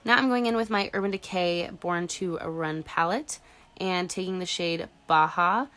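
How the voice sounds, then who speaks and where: Faint music plays behind this makeup tutorial voice-over, where a young woman in her twenties with a stuffy, cold-affected voice chats away. She speaks at a normal speed in a lowish, fairly bright voice, casual and full of "like."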